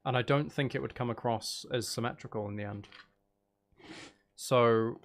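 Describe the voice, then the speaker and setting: A gaming livestream host talks in a mid-range, steady voice at normal speed. He's relaxed and chatty, reasoning out loud through his build, trading playful banter with viewers, and occasionally swearing mildly.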